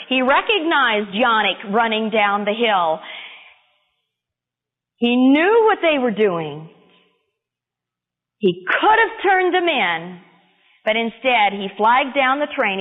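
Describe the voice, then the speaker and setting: An older woman telling a true story to children in a lively, expressive way, asking them questions as she goes. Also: on the high side. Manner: animated, expressive, asks listeners questions. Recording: tinny phone-like line with long reverb.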